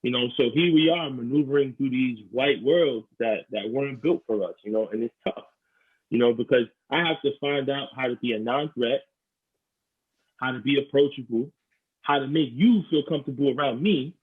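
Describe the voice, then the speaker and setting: Earnest and prone to saying "you know," a young New Yorker hosts a podcast in a medium-pitched voice with a breathy edge, at a normal pace. The audio has a tinny, phone-like quality.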